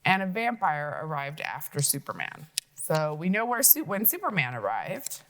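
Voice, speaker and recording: A woman's voice: sits low, wildly swooping pitch, normal speed, fairly bright tone. A woman teacher walking young children through a logic puzzle, thinking aloud and asking them questions.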